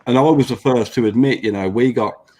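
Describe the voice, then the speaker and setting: In a brisk, dark, mid-range voice, a business owner talks earnestly during a casual podcast panel. He swears freely, hammers points by repeating them, and his dental braces slightly affect how he sounds.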